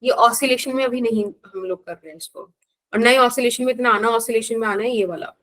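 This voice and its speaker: A woman's voice: on the high side, fairly quick, fairly bright tone. An Indian woman teaching a physics class, explaining patiently and checking in with students by name. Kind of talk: live online class.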